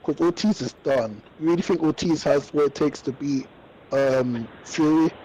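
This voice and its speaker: A man's voice: fairly high pitch, measured pace, warm tone, slight background noise. A man on a sports call-in show whose voice comes through muffled, as if from behind a wall. He talks bluntly and skeptically in casual chat. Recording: muffled, distant, dull-sounding line.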